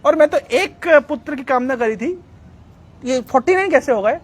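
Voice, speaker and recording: A man's voice: very high voice, animated, normal speed. A man speaking as a mother goddess who addresses her son tenderly and admits her mistake, told in a religious talk.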